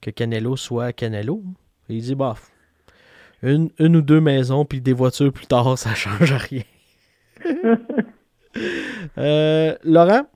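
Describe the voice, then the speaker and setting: A man's voice: mid-range voice, unhurried, mellow, no room sound, clean studio sound. A man with a Québécois accent hosting a casual boxing podcast, chatting with fillers and hesitations. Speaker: podcast host.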